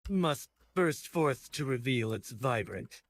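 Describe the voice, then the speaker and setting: A man's voice: medium pitch, lively intonation, slow pace. A synthetic male voice playing a pompous, theatrical chatbot that lectures in ornate, archaic speech. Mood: grandiose.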